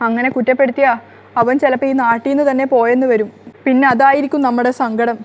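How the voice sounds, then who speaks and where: Woman reading an anxious old grandmother, cautioning, quick and fairly high. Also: fairly even intonation, close to an everyday voice. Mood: worried. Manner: pleading, cautioning. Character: worried protective grandmother.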